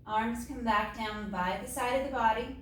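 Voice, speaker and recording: A woman leading a Pilates mat class, calmly cueing each movement step by step. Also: a little high, moderate pace, slight background noise. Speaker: Pilates instructor. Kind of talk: guided exercise class. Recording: very echoey room, mic far off.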